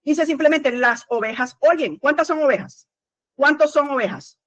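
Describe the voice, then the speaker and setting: High-voiced woman preaching a sermon. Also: moderate pace, a bit bright, no echo, muffled recording. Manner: frequent "amén" and rhetorical questions to the congregation; earnest teaching tone with small restarts.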